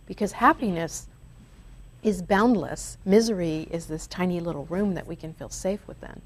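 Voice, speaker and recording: A woman's voice: fairly low pitch, moderate pace. A woman hosting a spiritual talk show, speaking in an earnest, reflective and uplifting way. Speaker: show host. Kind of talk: spiritual talk radio chat.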